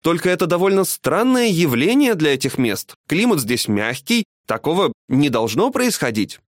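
A man's voice: fairly high pitch, sing-song, normal speed, no echo, clean studio sound. A man voicing a frightened young female animal wife, anxious and stammering in a storybook reading. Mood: calm.

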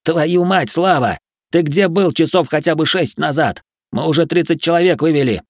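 A man voicing an exhausted young militiaman who shouts gruff orders. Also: a little high, animated, normal speed, no room sound, studio quality, voice pushed up. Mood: arguing.

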